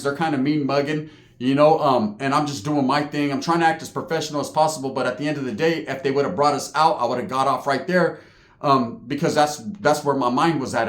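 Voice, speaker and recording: In casual storytelling, a man from California recounts his time in prison, streetwise and profane, peppered with slang and asides. His voice sits in the mid range, and the sound is reverberant.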